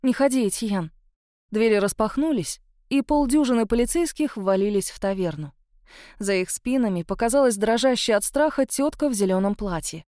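A woman narrating a first-person novel in a steady, expressive audiobook reading. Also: medium pitch, a little fast, no echo, studio quality.

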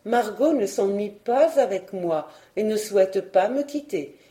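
A woman reading a storybook, voicing a kindly old grandmother who speaks gently and affectionately. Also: mid-range voice, expressive, measured pace, lightly acted. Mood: gentle.

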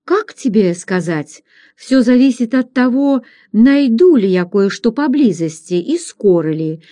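A woman reading aloud, voicing a gruff, blunt frontier hunter who talks in a low, plain manner. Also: expressive, unhurried, warm tone.

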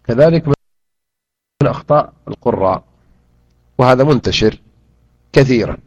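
A man teaching a Quran interpretation lesson, drilling pronunciation and repeating words slowly and deliberately. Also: medium pitch, animated, dry recording. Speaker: Islamic teacher. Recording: dull lo-fi recording.

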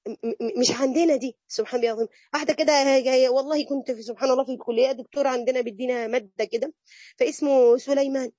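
Husky high-voiced Egyptian woman teaching. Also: rapid-fire, dry recording, highs cut off. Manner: lively, mixes classical phrases with colloquial chat. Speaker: religious teacher. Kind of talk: religious lesson to women.

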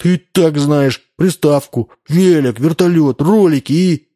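A man voicing a spoiled, demanding little boy who shouts and whines in a storybook reading. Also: fairly high pitch, very animated, a little slow, breathy edge, voice pushed up, full character voice. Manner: shouting, whiny, insistent.

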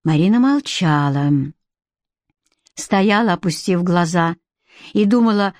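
Lady reading a novel out loud, lively and expressive, dead dry mic. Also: on the low side, slow pace, dry recording. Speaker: audiobook narrator. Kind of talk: expressive audiobook narration.

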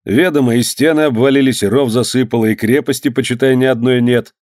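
A man reading aloud, voicing a boastful, hot-tempered rich merchant in a loud, scornful way. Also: mid-range voice, fairly even intonation, brisk, dry recording, studio quality, close to an everyday voice. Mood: mocking. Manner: loud, scornful tavern talk.

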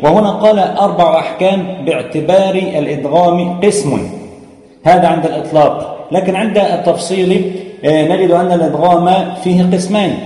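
A man's voice: sits high, a little fast, dark tone. A man teaching a lesson on Quran recitation, explaining step by step with frequent hesitations and chanting verses. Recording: echoey room with long reverb.

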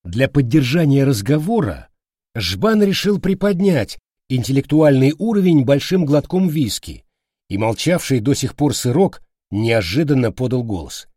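A man narrating an audiobook slowly and expressively. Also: medium pitch, dry recording, studio quality. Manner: slow, very expressive. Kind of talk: scripted narration.

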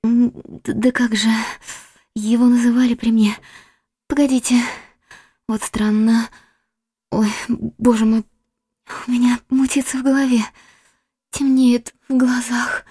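An actress in an audiobook voicing a tender, fragile young woman who speaks softly and breathily. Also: fairly high pitch, level tone, measured pace, pauses often, dry recording, studio quality. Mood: fading. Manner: soft, breathy, fading. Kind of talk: audiobook character voice.

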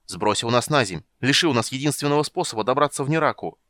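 A man voicing an angry, exasperated adult male half-elf leader who often shouts. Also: mid-range voice, expressive, quick pace, no echo, studio quality, voice pushed up, close to an everyday voice.

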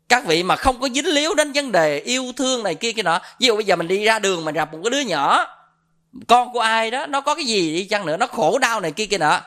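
Giving a Buddhist dharma talk as a monk, a middle-aged man with a Southern Vietnamese accent weaves in stories and poses questions to quiz his listeners. His voice is very high and a bit bright.

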